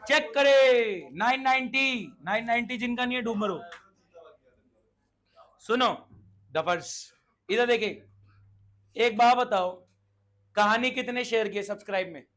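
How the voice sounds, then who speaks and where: A man with a very high-pitched, sharp-toned voice teaches a commerce class in a classroom lecture. Brisk and scolding, he quizzes his students with questions as he explains.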